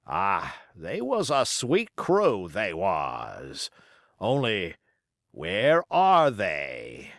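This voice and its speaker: A man reads as a commanding, crafty pirate sea cook from an adventure storybook, speaking slowly in folksy sailor grammar and weighing each word. His exaggerated, creaky, fairly bright voice swings hugely in pitch, sounding scornful and musing. The recording is dry and close.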